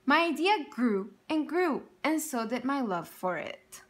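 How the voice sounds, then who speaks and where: Her voice sits high and moves at a measured pace. She's a teacher reading a picture book to young listeners, bringing the story to life and stopping now and then to question the kids.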